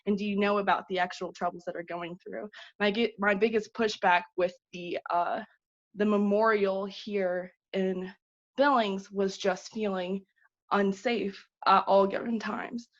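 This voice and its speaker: A woman giving an earnest, urgent personal speech as an awardee, pausing often on "um". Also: medium pitch, fairly even intonation. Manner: earnest, urgent, many 'um' fillers. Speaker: awardee speaking at a virtual ceremony. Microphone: video call. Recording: dull lo-fi video call audio.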